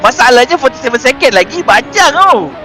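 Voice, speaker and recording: High-voiced co-commentator. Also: male voice, big pitch swings, quick pace, over music, rough recording. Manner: chatty and laughing, mixes Malay and English. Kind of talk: casual race co-commentary.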